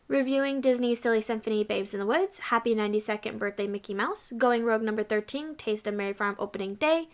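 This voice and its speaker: A woman's voice: a little high, fairly bright tone, smooth. A woman hosting her own channel, chatting casually and rambling through a list of her past videos with asides. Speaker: channel host.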